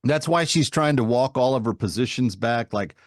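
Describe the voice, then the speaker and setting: A man's voice: medium pitch, lively intonation, moderate pace, no echo, clean studio sound. A man hosting a political talk show, delivering a monologue in a mocking, emphatic way that repeats words for effect.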